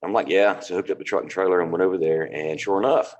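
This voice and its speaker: Southern man, deep voice, guest on an online car show, relaxed, rambling storyteller. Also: fast, dull audio. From North Carolina. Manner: relaxed, rambling with many fillers. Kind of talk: casual storytelling on video call. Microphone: video call.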